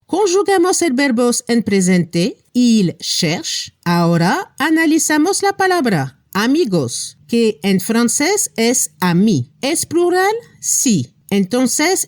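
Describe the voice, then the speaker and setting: A woman with a fairly high voice teaches a language lesson. She speaks slowly and carefully, stretching out the example words. Her pitch moves up and down a lot, and the recording is dry and close. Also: a little mellow, no echo. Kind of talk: step-by-step lesson explanation.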